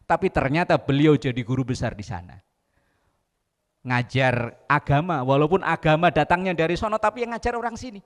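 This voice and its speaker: A man's voice: a little high, expressive, fairly quick, in a large hall. A man with an Indonesian accent, a preacher who quotes Arabic verses and explains them with small jokes on a religious TV talk show. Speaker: Islamic preacher. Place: TV studio.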